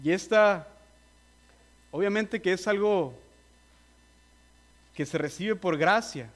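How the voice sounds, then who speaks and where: High-voiced earnest preacher man. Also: takes it slowly. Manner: earnest, urging listeners directly. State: nervous, admits trembling. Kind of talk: sermon.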